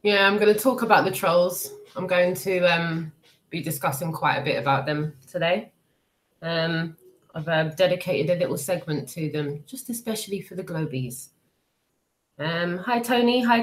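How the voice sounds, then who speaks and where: A woman's voice: fairly low pitch, measured pace. A woman who sounds sick and bunged up, chatting casually and hesitantly to livestream viewers in an apologetic, rambling way. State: unwell, congested, bunged up with a cold and cough. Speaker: livestream host. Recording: clearly noisy livestream audio.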